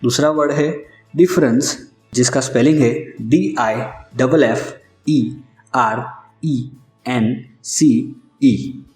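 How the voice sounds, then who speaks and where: A man giving a scripted vocabulary lesson, spelling out each word slowly and carefully, letter by letter. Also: medium pitch, darkish tone. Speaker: English vocabulary teacher. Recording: echoey room with faint music underneath.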